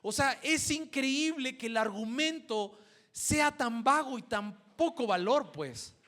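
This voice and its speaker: A man's voice: extremely high pitch, lively intonation, slow, sharp tone. A man preaching a sermon, telling a classroom story and acting out the parents he quotes. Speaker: preacher and schoolteacher.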